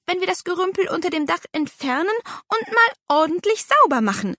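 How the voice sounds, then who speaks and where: A woman's voice: very high-pitched, very animated, fairly quick, pushed and bright, dry recording, clean studio sound, voice pushed up, full character voice. A woman voicing a worried, strict aunt who cares for children, insistent and scolding in an audiobook. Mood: persuading.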